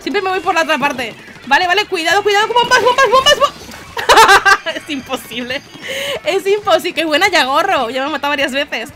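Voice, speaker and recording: A young woman from Spain with a Spanish accent, excitably commentating her own online match, laughing often and shouting warnings to her team. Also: extremely high pitch, normal speed, over music. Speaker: gaming YouTuber. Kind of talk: live gameplay commentary.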